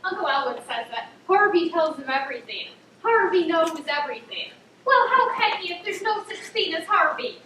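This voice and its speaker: A woman plays a flighty, excitable young woman with a very high, swooping voice. She is heard from a distance on a stage, wrapped in strong theater reverb and room noise. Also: normal speed, heavily acted. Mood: chatty. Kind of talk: amateur stage play.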